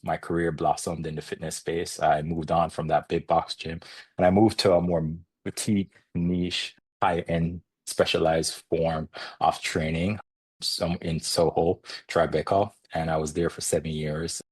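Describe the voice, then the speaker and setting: Jamaican guy, really deep voice, bit husky, chatty fitness guest who laughs a lot. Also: flat delivery, a little slow, darkish tone, dry recording. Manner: reflective, laughs often. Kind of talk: interview, personal story.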